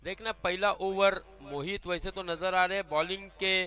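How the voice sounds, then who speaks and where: A man with an Indian accent giving live, excited cricket commentary, effusive and dramatic as he calls the big hits. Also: high voice, moderate pace, clear, resonant tone.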